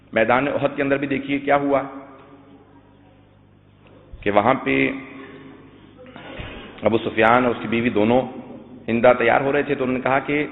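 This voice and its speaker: A man preaching a sermon, telling stories to his listeners and breaking into loud sung recitation of verses. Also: mid-range voice, vocal fry, a little hiss or hum. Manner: addresses listeners as dear ones, tells stories. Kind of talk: Shia majlis sermon with sung poetry. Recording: tinny phone-like sound with long hall echo.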